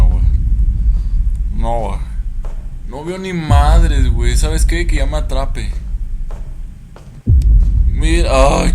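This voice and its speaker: A Mexican-accented man narrates a game, jumpy and cursing nonstop. He talks slowly, with long gaps between his words. The home recording carries a clear layer of background noise. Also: mid-range voice. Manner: swears constantly, jittery, yelps when startled. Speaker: gamer. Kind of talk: let's play commentary.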